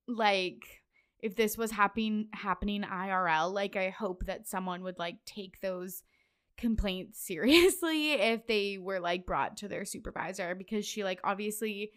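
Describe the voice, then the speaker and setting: A young woman talks through a casual solo podcast in a smooth, clean voice. She is chatty and loose, scattering fillers and breaking into quick laughs as she goes. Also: medium pitch. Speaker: podcast host.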